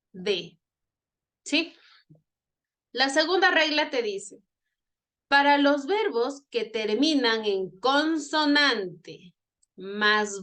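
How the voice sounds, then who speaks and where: A woman's voice: on the high side, bright, forceful tone. A woman teaching an online English grammar class, explaining patiently, repeating herself and checking in with her students. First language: Spanish.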